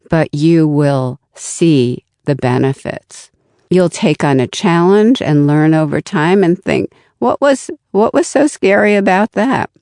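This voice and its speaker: A woman answering interview questions in a slow, deliberate way, now and then acting out the voices in one's head. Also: low-pitched, dark tone, no room sound, clean studio sound. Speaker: guest expert.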